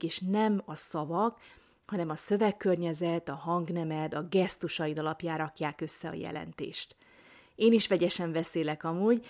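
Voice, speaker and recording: Low-pitched young woman, Hungarian native, casual friendly language-tip explainer, talks straight to the viewer. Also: a little mellow. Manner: friendly, direct, addresses the listener as "you". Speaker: English teacher.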